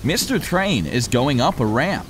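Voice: mid-range voice, big pitch swings, measured pace, a little hiss or hum. A narrator for a preschool cartoon, explaining things in simple, instructive short sentences. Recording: music bed under the voice.

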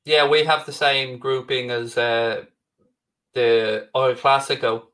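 A man's voice: medium pitch, level tone, slow, bright, forceful tone. A middle-aged man with an Irish accent, chatting casually as co-host of a live football watch-along. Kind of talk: casual live match chat.

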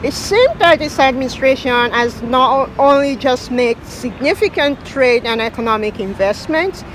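A woman's voice: high-pitched, animated, normal speed, low-quality recording. A middle-aged woman hosting a news wrap and interview outdoors in a city park, speaking with frequent hesitations and fillers. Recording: outdoor park with crowd and traffic noise.

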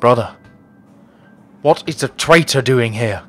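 A man's voice: medium pitch, a little slow, faint music behind, close to an everyday voice. A man reading the lines of a stern, proud male warrior elder in a video game, solemn and rousing.

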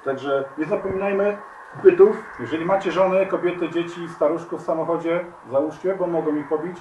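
A man speaking straight to his viewers, earnest and appealing, often pausing on fillers and restarts. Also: on the high side, fairly even intonation, darkish tone, echoey room, far from the mic, lo-fi sound, slight background noise. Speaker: commentator. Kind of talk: spoken video commentary.

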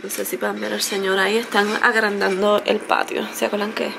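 A woman in her thirties with a mid-range, creaky voice talks briskly and flatly to viewers as if they were friends. She's a family vlogger chatting casually at home and at an outdoor café, holding the camera at arm's length. The home recording is noisy.

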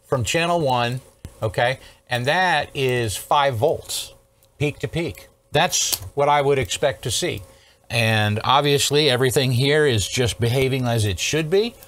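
At a workbench in an indoor workshop studio, a man in his sixties who restores electronics hosts a hands-on technical walkthrough. His voice sits at a middle pitch for a man, and he explains each step in a casual, methodical way, often pausing to check in.

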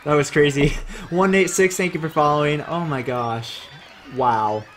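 Excitable young male game streamer. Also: a little high, a little slow. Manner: excitable, thanks viewers and reads chat aloud. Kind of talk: casual live-stream commentary.

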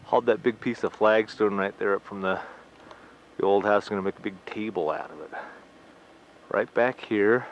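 A man's voice: lowish voice, normal speed, long pauses. A man casually narrating a home video outdoors on a rural property, pointing things out as he tours his land, heard through an old camcorder mic. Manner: chatty, points things out while touring. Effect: old camcorder audio. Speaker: homeowner filming his property. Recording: dull lo-fi camcorder sound with faint hiss.

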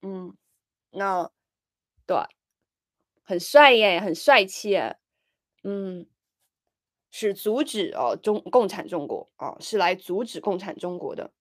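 A woman giving casual political commentary, animated, with frequent fillers and pointed rhetorical questions. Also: mid-range voice, slow pace, pauses often, dry recording, studio quality.

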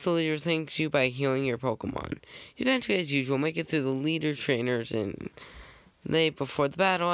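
A man's voice: on the high side, a bit bright, no echo. A man casually narrating a fan-made slideshow, rambling with jokey asides and frequent self-corrections on a close microphone.

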